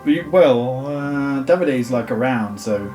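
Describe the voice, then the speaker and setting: A man's voice: medium pitch, animated, unhurried, warm tone, far from the mic, faint music behind. A man narrating a tabletop game as game master, chatty and describing scenes in loose lists.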